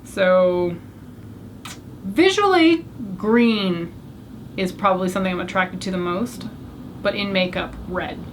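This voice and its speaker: A young woman who first spoke French, a beauty YouTuber, works through a tag of questions on camera in a casual Q&A video, chatty, candid, and self-deprecating. She talks slowly with frequent pauses and lively intonation at a medium pitch, against background noise.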